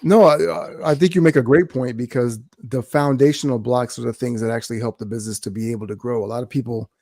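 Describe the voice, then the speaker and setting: Brief: male podcast host, warm mellow tone, dry close mic, affirming and encouraging. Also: mid-range voice, fairly even intonation, fast, dry recording. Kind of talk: casual interview.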